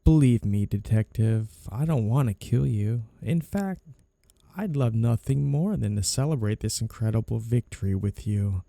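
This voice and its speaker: This time the gravelly, flirty mafia boss of the audio drama comes across as coolly threatening, still two-faced and smug as he teases and drags out his lines for effect. The man's voice is lowish and mellow with lively intonation at normal speed, recorded dry.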